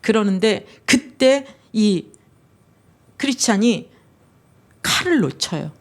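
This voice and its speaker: A woman, a pastor's wife, preaching a sermon in an animated storytelling way and asking her listeners questions. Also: medium pitch, slow pace. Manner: animated storytelling with quoted dialogue.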